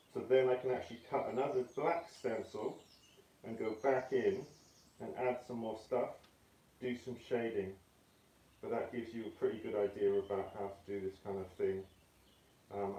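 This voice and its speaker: A man teaching a casual art tutorial indoors, talking in a relaxed, offhand, self-deprecating way through a respirator mask that muffles his voice. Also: on the low side. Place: indoor studio room. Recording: roomy, mic at a distance.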